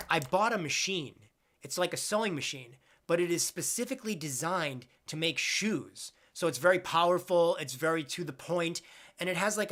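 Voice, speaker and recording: Man, 20s, live-stream chat host, bright tone, slightly high voice, rambling, self-deprecating humor.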